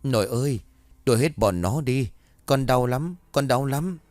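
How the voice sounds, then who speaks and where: A man's voice: fairly low pitch, expressive, moderate pace, a little mellow, dry recording, lightly acted. A man voicing a pitiful male ghost who whines and pleads, from a spoken storybook. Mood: pleading. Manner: whining, pleading.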